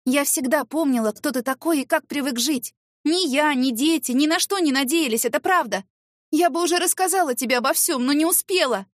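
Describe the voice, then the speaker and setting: A woman voicing a flustered, defensive young secretary who pleads and exclaims in a high, shrill voice. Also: animated, fairly quick, darkish tone, no echo, clean studio sound. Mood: agitated, pleading.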